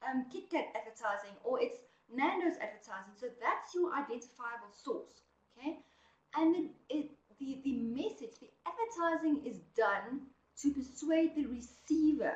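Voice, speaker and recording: Woman lecturer who keeps asking "okay?". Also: high voice. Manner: explains step by step, checks in with frequent "okay?". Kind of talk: recorded lecture. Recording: echoey dull room recording.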